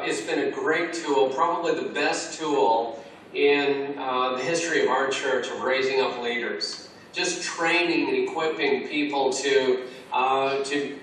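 An Alpha course trainer is interviewed over a call about the church course, speaking earnestly and often restarting his sentences. His voice is medium in pitch and a little bright. The call audio sounds echoey and distant, with slight background noise.

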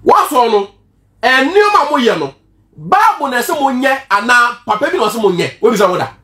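A man with a Ghanaian accent preaching a sermon, lively and full of rhetorical questions, mixing two languages. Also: very high voice, moderate pace, echoey room. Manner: animated preaching, switching between Twi and English, rhetorical questions.

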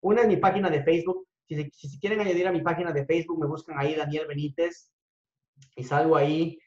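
Man, slightly high voice, motivational storyteller, loud then hushed, echoey room, dull lo-fi recording. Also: quick pace. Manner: animated, shifts between loud and hushed. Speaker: speaker at a business talk.

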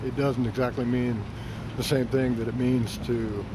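An older man in a street interview, explaining slowly and deliberately outdoors. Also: mid-range voice, flat delivery. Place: outdoors by a painted block wall. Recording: loud street noise.

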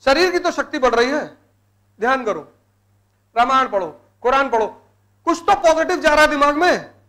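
A high-pitched man with a North Indian Hindi accent lectures students preparing for civil services exams in an emphatic motivational style. He hammers home single words by repeating them, and his voice rings bright and forceful through the classroom. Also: expressive, moderate pace. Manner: emphatic, repeats key words, mixes in English terms. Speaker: civil services exam teacher. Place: live classroom session.

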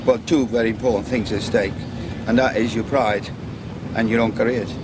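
A man talks in a hesitant, halting way with little variation in pitch. He sounds like a manager interviewed aboard a coach, with clear vehicle noise behind him. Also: steady tone.

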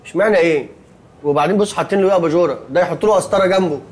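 An actor playing a nervous young man with an Egyptian accent, protesting in quick, anxious bursts in a film comedy. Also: high-pitched, a little hiss or hum, close to an everyday voice. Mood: bickering, jittery. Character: jumpy nervous young man sharing a hospital room.

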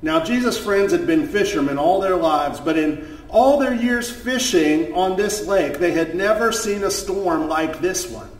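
A man, a pastor, telling a story at a children's chapel service, lively in the tale and soft and gentle in the prayers. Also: high-pitched. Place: church chapel. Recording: echoey room, voice from far off the mic.

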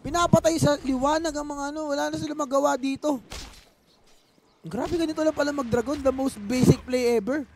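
A young man with a Filipino accent giving excited, joking live game commentary, mixing in English phrases. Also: very high voice, fairly quick, gravelly, a little hiss or hum. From Philippines. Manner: joking, playful, mixes English phrases, bursts into excited yells. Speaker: esports commentator.

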